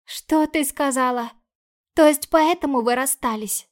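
A woman's voice: sits high, unhurried, pitched above the performer's own voice. A woman voicing a frightened young girl who protects her older sister and speaks urgently and pleadingly, in an audiobook. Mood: anxious pleading.

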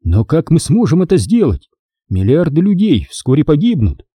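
A man voicing a wary, defiant former pirate captain woman in a dark, husky voice, reading dialogue from an audiobook. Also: fairly high pitch, wildly swooping pitch, moderate pace, no echo, voice pushed up, heavily acted. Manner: skeptical, challenging questions.

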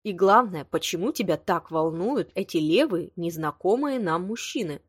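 A woman reading the lines of a blunt, hot-tempered young man, a lawyer, with a sharp, exasperated delivery. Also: on the low side, lively intonation, normal speed, husky, dry recording, clean studio sound. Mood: heated. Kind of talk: audiobook dialogue reading.

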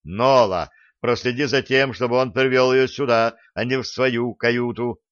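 A man reading an audiobook, voicing a calm, authoritative ship captain in a measured way. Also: medium pitch, no echo, dull audio, natural voice. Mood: firm.

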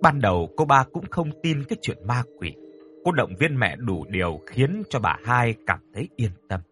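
A man narrating a ghost story in a scripted, expressive and dramatic storytelling style. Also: medium pitch, moderate pace, faint music behind.

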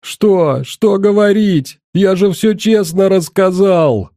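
A man's voice: a little high, very animated, very slow, dark tone, dry recording, clean studio sound, exaggerated voice. A man voicing a terrified young male captive who pleads and stammers in panic, in an audiobook. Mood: panicked pleading.

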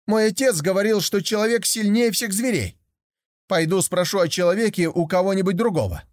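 A man's voice: high voice, brisk, no echo, clean studio sound, pitched above the performer's own voice, lightly acted. A man voicing a naive, hot-headed young male tiger in a storybook tale, exclaiming in a raised, eager voice. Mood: insistent.

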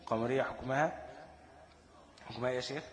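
A man with an Egyptian accent leads a tajweed lesson at an even middle pitch. He quizzes his students and answers his own questions, then slows down to chant each quoted verse. His voice rings with a long reverb, as if in a large hall. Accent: Egyptian Arabic. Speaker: Quran recitation teacher. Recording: echoey room with long reverb.

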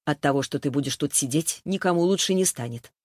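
A woman's voice: low-pitched, brisk, a little mellow, no echo, clean studio sound. Woman doing a stern, firm middle-aged mother. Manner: firm, matter-of-fact. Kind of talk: audiobook character voice.

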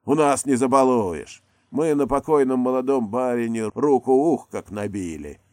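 A man's voice: medium pitch, moderate pace, a little mellow, dry recording, clean studio sound, voice pushed up, natural voice. A man voicing a blunt old peasant housemaid who scolds in a folksy, grumbling way.

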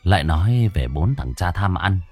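A man narrating a ghost story in a lively, dramatic telling. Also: low voice, moderate pace, faint music behind. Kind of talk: scripted narration.

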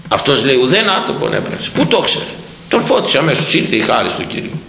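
A man's voice: medium pitch, sing-song, creaky, bright, forceful tone. An older man, a priest, preaching a sermon with rhetorical questions to his congregation and repeating phrases for emphasis. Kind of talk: sermon on Proverbs. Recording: echoey room with faint background noise.

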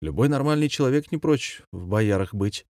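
A man's voice: medium pitch, expressive, moderate pace, a little mellow, dry recording, studio quality, natural voice. A man voicing a boastful, pompous middle-aged male former theatre director who talks in grand, theatrical phrases, as a commandant in an audiobook. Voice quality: grandiloquent, theatrical, rhyming speech.

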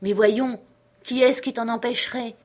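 A woman voicing Ben Gunn, a hoarse, half-mad old male castaway who talks eagerly and wheedles. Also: on the high side, fairly even intonation, moderate pace, a little mellow, voice pushed up, close to an everyday voice. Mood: wheedling. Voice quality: hoarse, creaky.

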